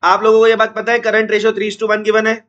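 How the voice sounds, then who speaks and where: A man teaching an accounts class, unwell with a strained chest, repeating formulas slowly and scolding noisy students. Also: sits high, completely flat delivery, a bit bright, muffled recording. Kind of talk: classroom lecture.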